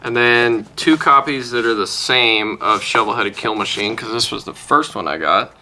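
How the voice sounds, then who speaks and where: Man, lowish bright voice, unhurried offhand rambling at home, casual cursing. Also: slight background noise. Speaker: music collector vlogger. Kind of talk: casual chat listing albums. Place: room at home, close to a wall.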